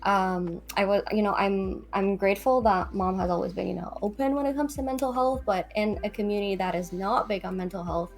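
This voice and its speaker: A young Lebanese woman, a psychology PhD student, joins a conversational discussion as a guest, sounding earnest and thoughtful. She speaks fairly quickly with barely any pauses, at medium pitch and in a steady tone, over background music.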